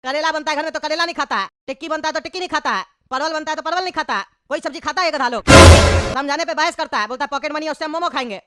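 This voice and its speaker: A woman's voice: high voice, racing. A woman voicing an exasperated father who scolds his son, in a comedy sketch. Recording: loud background noise.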